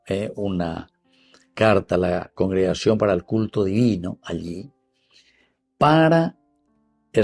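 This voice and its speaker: A man with a Paraguayan Spanish accent giving a teaching Bible reflection, explaining slowly, repeating key words and addressing his listeners as dear friends. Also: lowish voice, dark tone, slightly rough. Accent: Paraguayan Spanish, mixing in Guarani.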